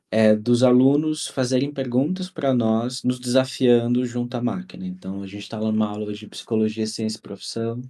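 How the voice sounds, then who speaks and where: A man with a low, warm voice co-hosts a relaxed podcast conversation. He talks reflectively about his own experience, often leaning on verbal fillers. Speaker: podcast co-host and teacher. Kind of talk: casual podcast chat.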